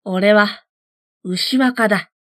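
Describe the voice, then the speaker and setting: A woman's voice: medium pitch, lively intonation, slow, no room sound, clean studio sound. A woman voicing a bold, boastful young boy warrior who speaks in a commanding way in a storybook reading. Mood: proud. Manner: commanding, proud.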